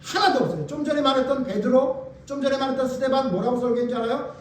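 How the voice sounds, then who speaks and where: A man's voice: very high-pitched, quick pace. A male pastor preaching a sermon, emphatic, firing rhetorical questions at the congregation. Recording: very echoey hall, voice from far off.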